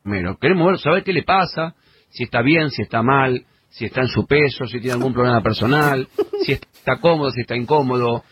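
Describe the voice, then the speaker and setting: A man's voice: mid-range voice, fairly quick, fairly bright tone, a little hiss or hum. A man with a Rioplatense Argentine accent, a radio interviewer asking friendly, probing questions.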